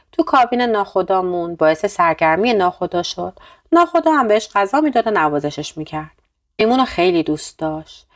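A woman narrating a bedtime story in a calm, steady storytelling manner. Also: medium pitch.

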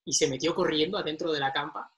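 A man's voice: fairly high pitch, steady tone, fast, a bit bright. Emotional man recalling his exam. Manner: emotional, laughing storyteller. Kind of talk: casual chat.

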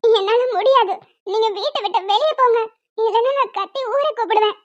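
A woman voicing Diya, a very high-voiced young heroine. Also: fairly quick. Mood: defiant. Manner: pleading, earnest. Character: young woman dance teacher, pleading but defiant. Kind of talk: cartoon voice dubbing. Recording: dull lo-fi.

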